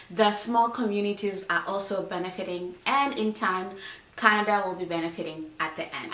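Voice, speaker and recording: A woman's voice: a little high, a bit bright. A woman born in Congo and raised in Kenya, hosting a casual explainer vlog in an upbeat, chatty way and laughing often. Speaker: vlogger. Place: home in British Columbia, indoors. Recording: echoey room.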